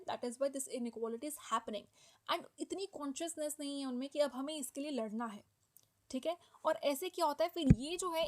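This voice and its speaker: High-pitched woman teaching over loud noise. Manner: explanatory, checks in with "okay?" and "ठीक है?" often; slows down to stress English key terms. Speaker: sociology teacher. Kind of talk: exam-prep lecture mixing Hindi and English.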